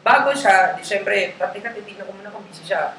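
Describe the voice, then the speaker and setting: Bright-voiced man coaching a roomy hall. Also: sits high, a little fast. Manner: casual, mixes English into Tagalog, checks in with listeners often. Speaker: network marketing trainer. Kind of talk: live coaching session to a group. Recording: roomy echo, faint background noise.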